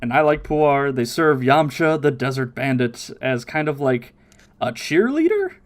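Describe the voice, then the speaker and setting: Animated man recapping on a podcast. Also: medium pitch, measured pace. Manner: animated, mimics characters' voices while recapping. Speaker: podcast host. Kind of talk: casual podcast chat, recapping episodes.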